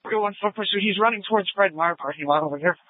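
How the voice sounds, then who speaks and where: A man's voice: sits high, rapid-fire, dry recording. A man in the field calling out terse, urgent updates during a chase, heard over a police scanner radio. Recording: dry, tinny radio band.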